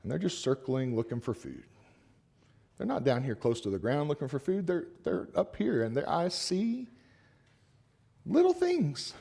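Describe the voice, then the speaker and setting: A man's voice: medium pitch, big pitch swings, moderate pace, creaky, darkish tone. A man preaching a sermon, reading scripture and retelling it in plain, joking everyday speech with chuckles between verses. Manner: casual, joking asides with laughs.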